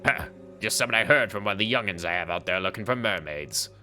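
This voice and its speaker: A man's voice: low voice, lively intonation, fast talker, bright, forceful tone, soft background music, voice pushed down, full character voice. A man voicing a smug, greedy schemer. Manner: taunting, smug. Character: greedy scheming man obsessed with mermaids and immortality. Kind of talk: game voice-over by a streamer.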